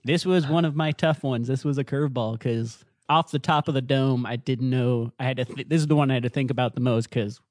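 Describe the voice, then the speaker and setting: A man's voice: medium pitch, a little fast, hardly any pauses, darkish tone, dry recording, studio quality. A man co-hosting a casual podcast, chatting about retro video games with enthusiastic, jokey asides. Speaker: podcast co-host.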